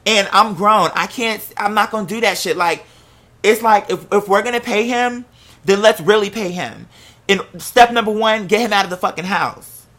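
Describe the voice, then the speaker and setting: Told at a normal speed, this is personal drama recounted to an audience by a casual American storyteller. The voice sits at a middling pitch and comes across bright and forceful, the delivery frank, lively and laced with profanity, with quoted lines performed in character.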